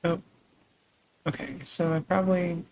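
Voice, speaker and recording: Chill guy on a game stream, kinda high voice, talks real slow and easy, lots of little chuckles. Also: little pitch movement, creaky, a little hiss or hum, poor audio. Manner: soft-spoken, unhurried, chuckles often; talks through building steps to viewers. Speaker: livestream host. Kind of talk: relaxed gaming livestream chat.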